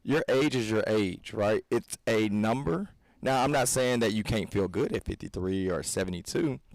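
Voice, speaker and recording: Animated and creaky, this lowish male voice belongs to a thirtysomething fitness coach co-hosting a podcast. He talks at normal speed in an earnest, preachy, rambling way with restarts, and the recording is dry and poor in quality.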